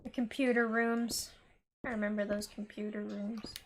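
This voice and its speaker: A woman's voice: medium pitch, little pitch movement, normal speed, a little hiss or hum. A woman playing a horror game, commenting expressively and reacting aloud as she plays. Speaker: gaming streamer. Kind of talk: let's play commentary.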